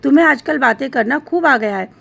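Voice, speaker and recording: A woman's voice: high voice, expressive, a little fast, vocal fry, fairly bright tone, full character voice. A woman voicing a stern, grumpy father in a storybook tale, scolding his son.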